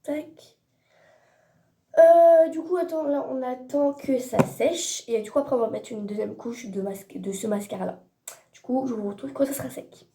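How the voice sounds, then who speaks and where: Recorded in an echoey room, a teenage girl with a darkish-toned voice on the high side talks at a moderate pace through a relaxed makeup tutorial at home. The beauty vlogger chats along hesitantly, fumbling for words, self-correcting and filling gaps with fillers.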